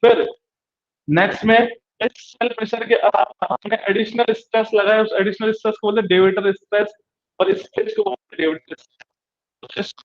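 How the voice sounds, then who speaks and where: A male lecturer giving a classroom lecture, repeating key terms slowly and asking and answering his own questions. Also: sits high, fairly even intonation. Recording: dull lo-fi recording.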